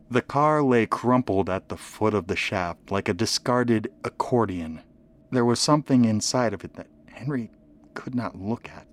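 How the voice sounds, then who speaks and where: A man reading a story aloud as dramatic audiobook narration, often dropping to a hushed near whisper. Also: lowish voice, a little hiss or hum.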